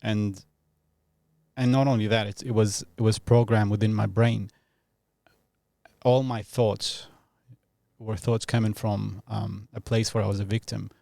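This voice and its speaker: A man in his thirties from Iraq, talking as a podcast guest in a thoughtful, reflective way, pausing often and laughing easily. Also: lowish voice, level tone, vocal fry, mellow, dry recording, clean studio sound. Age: 30s. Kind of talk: casual reflective interview talk.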